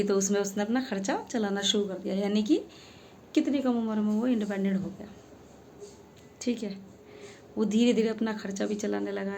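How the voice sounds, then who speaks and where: A woman's voice: medium pitch, creaky, dark tone, slight background noise. A woman telling an earnest, emphatic story to her followers, asking rhetorical questions as she goes. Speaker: social media creator. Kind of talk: heartfelt storytelling monologue.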